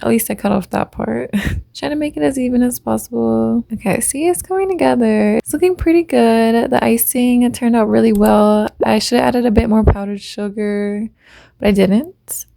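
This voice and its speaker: A woman's voice: a little high, moderate pace, vocal fry, dark tone, no echo. A woman vlogger giving a chatty, self-deprecating voiceover as she walks through her baking. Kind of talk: casual voiceover narration.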